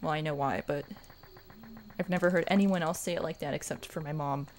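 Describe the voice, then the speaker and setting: A woman's voice: sits low, fairly even intonation, brisk, a little mellow. A woman streaming a game and chatting with viewers in a rambling, self-deprecating way. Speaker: streamer and speedrunner. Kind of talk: casual livestream chat while gaming.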